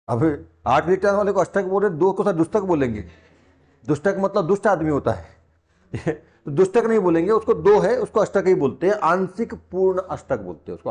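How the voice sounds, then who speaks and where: Male tutor, high-pitched, casual and teasing, speaks with a Hindi accent. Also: a little mellow. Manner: chatty, teasing teacher who talks to students directly. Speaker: science tutor. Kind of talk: classroom lesson in Hindi.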